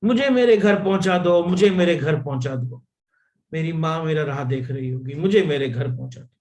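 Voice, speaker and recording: A man's voice: fairly high pitch, measured pace, darkish tone. A man voicing a drunk, desperate man who keeps pleading to be taken home, in a spiritual storytelling talk. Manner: pleading, repetitive cries.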